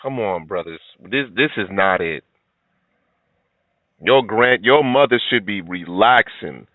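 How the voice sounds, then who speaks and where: A man's voice: on the low side, lively intonation, slow, no room sound. Blunt preachy man on a tinny line. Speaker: commentary video host. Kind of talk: reaction commentary. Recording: tinny, phone-like, dry sound.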